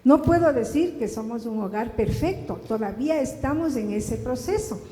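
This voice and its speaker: A woman's voice: on the high side, animated, normal speed, warm tone. A woman giving an earnest, confessional personal testimony to a church congregation. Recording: echoey church hall with faint room noise.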